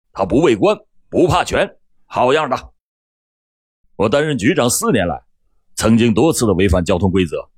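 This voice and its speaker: A middle-aged police chief addresses a meeting in an emphatic, formal voice, played by a storyteller. His tone is slightly husky and swings between low and high. It sounds close and dry. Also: dry recording. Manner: speechmaking, emphatic.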